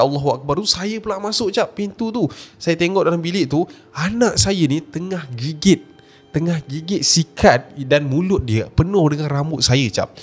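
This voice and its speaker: A man with a Malaysian Malay accent, retelling a horror story in the first person, casual and speaking straight to the listener. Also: medium pitch. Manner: casual, addresses the listener directly.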